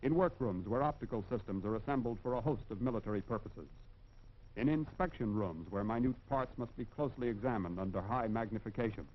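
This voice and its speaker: On a dull, band-limited vintage film soundtrack with a little hiss or hum, an American man reads a 1940s industrial film script. His voice is on the low side, animated and a little fast, and his delivery is formal, instructive and emphatic.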